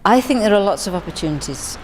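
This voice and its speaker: A woman who manages a venue, speaking in a measured, thoughtful way in a vox pop interview. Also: medium pitch, animated, background noise.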